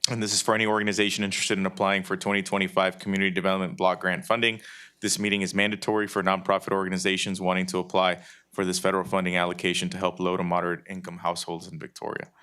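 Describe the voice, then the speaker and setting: A man reading city announcements to a council meeting in a steady, businesslike way. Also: sits low, very fast, clear, resonant tone. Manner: steady, businesslike, some fillers. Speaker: city staff member giving announcements.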